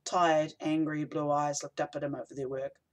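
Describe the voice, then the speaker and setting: Brief: male audiobook narrator, steady and even scripted reading. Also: fairly high pitch, normal speed, rough recording.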